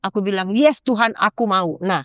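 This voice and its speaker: A woman's voice: mid-range voice, moderate pace, no room sound, studio quality. A middle-aged woman, a podcast guest, giving an earnest, preachy personal testimony and acting out her own pleas in a rising voice.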